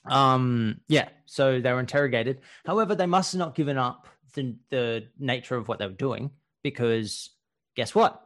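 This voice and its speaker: Animated laughing male podcast storyteller. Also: mid-range voice, normal speed. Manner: animated storyteller, laughs often, swears casually. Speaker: podcast co-host telling history stories. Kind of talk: casual chat.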